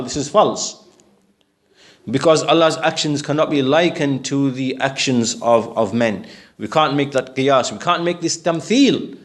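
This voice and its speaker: With a fairly high-pitched voice, a man delivers an explanatory religious lecture in a didactic style, asking questions to check that his listeners are keeping up.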